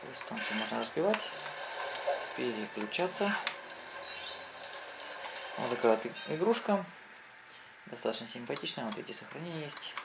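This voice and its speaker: A man giving casual gameplay commentary as a console reviewer, thinking aloud haltingly as he plays. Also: mid-range voice, big pitch swings, gravelly, very noisy. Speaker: video game console reviewer. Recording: loud game music behind voice. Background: loud video game music.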